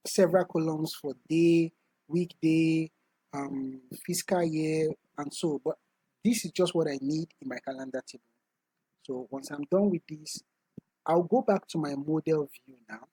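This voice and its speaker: Guy doing a screen tutorial, slightly husky voice, dry close sound, explains every click. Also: on the high side, dark tone, dry recording, low-quality recording. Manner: methodical, talks through each step. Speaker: tutorial instructor. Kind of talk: screen-recorded software tutorial.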